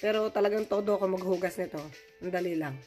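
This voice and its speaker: A woman with a Filipino accent and a mid-range voice talks fast in a dark, fairly even tone over faint background music. She is a vlogger chatting casually in a home cooking and gardening vlog, calling her viewers "guys," while getting over the flu, which has slightly changed her voice.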